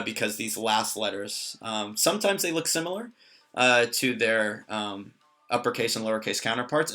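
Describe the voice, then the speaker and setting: Man, language teacher, casual lesson, bright tone, fillers, light jokes. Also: lowish voice. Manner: relaxed, many fillers, joking asides.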